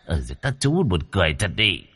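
A man's voice: low voice, very animated, a little fast, a bit bright, slightly rough, heavily acted. A man voicing a cowardly old male ghost-soul tied to a post, pleading and stammering. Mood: whining pleading.

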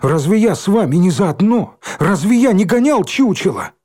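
Guy putting on a whiny scared boy, way high pitched, begging. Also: very animated, normal speed, mellow. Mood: indignant. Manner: pleading, whining, high-strung. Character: cowardly boy dogcatcher, shrill and wheedling.

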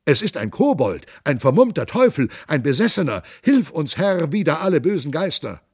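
A pack of terrified ruffians cry out for help in a storybook reading, voiced by a man. The husky voice rises high and fast. It sounds dry. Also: sing-song, a little mellow, dry recording. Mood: panicked. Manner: panicked crying out. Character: panicking band of male ruffians.

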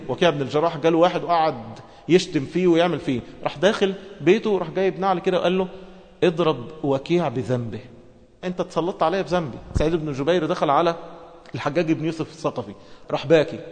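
Man, Egyptian accent, religious lesson, rapid delivery, lively, long hall reverb. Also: a little high. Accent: Egyptian Arabic. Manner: lively, talks fast, shifts between colloquial speech and formal reading. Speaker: preacher.

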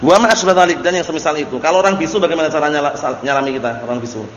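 A man's voice: a little high, racing, fairly bright tone. Man teaching in an echoey hall. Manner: explains Arabic text, often asks students questions. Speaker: Islamic teacher. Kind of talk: religious study lecture. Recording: echoey hall recording with faint noise.

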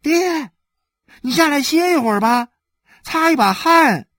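A man voicing a stubborn yet devoted young boy who calls out loudly and quickly, well above his own pitch. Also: big pitch swings, breathy edge, dry recording, clean studio sound, full character voice. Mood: eager.

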